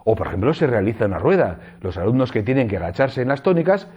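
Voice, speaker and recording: A man's voice: mid-range voice, sing-song, fast, darkish tone, breathy edge. A man from Spain giving a recorded lecture on teaching, explaining step by step and often checking in with short tag questions. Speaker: teacher trainer. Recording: dull lo-fi audio.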